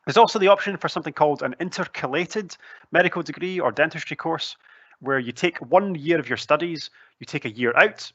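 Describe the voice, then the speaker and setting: A young adult man with a broad Scottish accent, working as a student recruitment officer, gives a conversational pre-recorded presentation, wearing a headset visible on his webcam. His bright, fairly high voice moves fairly quickly with a breathy edge, and he's chatty, articulate and lightly humorous. The recording is muffled, with no room sound.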